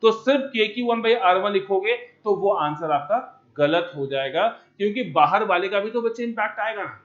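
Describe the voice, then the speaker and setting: Teacher, male, high voice, coaxing and energetic, dull lo-fi sound, empty classroom. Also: normal speed. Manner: coaxing, keeps asking students to answer; mixes English terms into Hindi. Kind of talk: energetic physics lecture.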